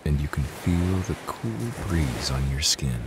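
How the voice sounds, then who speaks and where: A man with an extremely deep voice and a gravelly texture narrates a guided sleep story. He speaks slowly and softly, sometimes sinking into a whisper. Gentle new-age music and rolling ocean waves play clearly behind him. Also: animated. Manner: soft, hushed and soothing, at times whispering.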